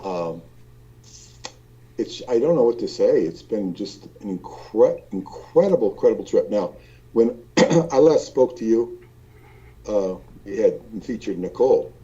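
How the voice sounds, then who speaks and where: Low mellow guy on a call, sounds like hes in a cave, echoey and kinda muffled, rambling with lots of ums. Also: animated. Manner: rambling, halting, many fillers and restarts. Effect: distant echoey sound, like in a cave. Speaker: guest calling in from a trip. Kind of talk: casual call-in chat. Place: hallway of a small hotel room. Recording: dull, echoey call audio from a hallway.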